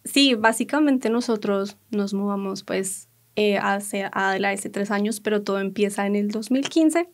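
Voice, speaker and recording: A Colombian woman in her thirties, a podcast guest telling her story in a lively, laughing way and acting out what people said. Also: mid-range voice, normal speed, hardly any pauses. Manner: lively, laughing, acts out quoted dialogue. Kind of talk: casual storytelling interview.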